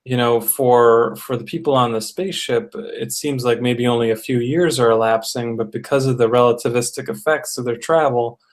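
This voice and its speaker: Male co-host, casual chat: mid pitch, monotone delivery, earnest and even, filler-heavy. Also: normal speed, hardly any pauses. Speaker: co-host reviewing a film. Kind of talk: casual discussion.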